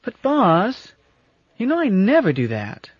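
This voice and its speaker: A small, scared girl's voice for a ship computer, as a male narrator puts her on, climbing very high and whining. The voice stays close to the mic in a dry space. The recording is dull and lo-fi. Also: huge pitch swings, measured pace, breathy edge, no echo, heavily acted. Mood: timid, pleading. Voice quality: childlike, squeaky. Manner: whiny, pleading. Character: timid little-girl ship computer, tearful, foul-mouthed.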